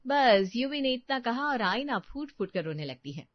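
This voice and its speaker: A woman narrates a household story with dramatic storytelling flair. Her voice moves a lot in pitch. The sound is dry and dull. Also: very animated, moderate pace, dry recording.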